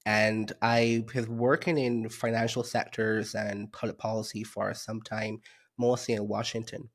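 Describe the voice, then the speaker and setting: A man from Barbados, a guest economist on a podcast interview, explaining his views in a measured way with frequent fillers. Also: fairly low pitch, little pitch movement.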